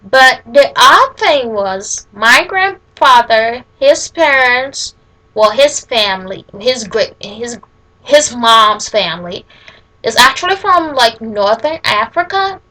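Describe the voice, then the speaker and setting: A woman from Liberia with a Liberian accent, chatting casually as she answers questions, often halting and correcting herself mid-sentence. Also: on the high side, very animated, pushed and bright, rough recording.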